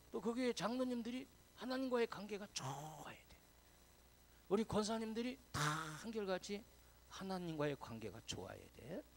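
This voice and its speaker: A man preaches in a loose, conversational way, teasing and quizzing the people in front of him. His gravelly voice swings widely in pitch, from hushed whispers to loud bursts. A faint hum of room noise sits under the sermon. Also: poor audio. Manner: chatty, teasing, quizzes the congregation; drops to whispers, swells loud for emphasis. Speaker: pastor.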